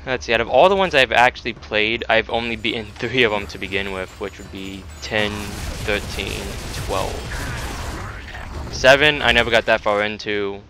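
A man giving casual, sweary, self-deprecating let's-play commentary, with soft R sounds that come out like w. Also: fairly low pitch, normal speed, slight background noise. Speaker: gaming video host. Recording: game music, gunfire behind voice. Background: game music, gunfire and vehicle sounds.

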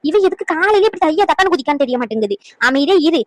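Woman voicing an old cartoon grandmother, shrill, nagging, nonstop talker. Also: sing-song, no echo. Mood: scolding. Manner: rapid, scolding chatter. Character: scolding, anxious old grandmother, doting on grandson. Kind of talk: cartoon family drama voice acting.

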